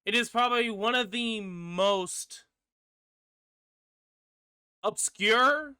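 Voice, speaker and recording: A man's voice: high-pitched, drawn-out words, pushed and bright, smooth, dry recording, clean studio sound. A man hosting a gaming channel, giving casual rambling commentary with frequent restarts and casual swearing.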